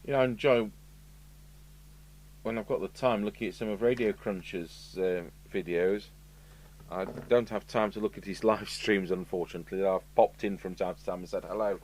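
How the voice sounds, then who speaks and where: This man from the UK has a lowish, slightly mellow voice with a steady tone at normal speed, though the recording quality is low. Working as a radio repair technician presenting a review, he muses to himself casually and matter-of-factly in an indoor electronics workshop where clear background noise and electrical hum can be heard.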